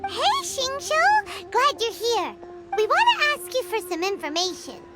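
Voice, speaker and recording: Tiny excitable game fairy: piercingly high, childlike squeak, hugely animated swoops. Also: female voice, measured pace, over loud music, full character voice. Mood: eager. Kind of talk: scripted video game dialogue.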